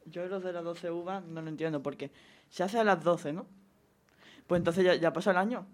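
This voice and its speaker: A man co-hosting a casual group show, joking and making wisecracks. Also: sits high. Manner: jokey, quick to make wisecracks. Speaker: co-host.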